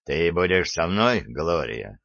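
Hard-nosed crook, deep, curt, deliberate, read by a male narrator. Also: big pitch swings, vocal fry, a bit bright, dry recording, lo-fi sound, exaggerated voice. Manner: curt, commanding.

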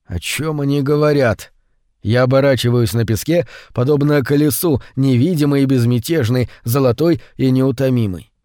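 Male audiobook narrator, mid-pitched, hushed and unhurried, dead-dry studio read. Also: no room sound. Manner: slow, hushed and brooding, with louder acted quotes. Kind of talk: scripted narration of a short story.

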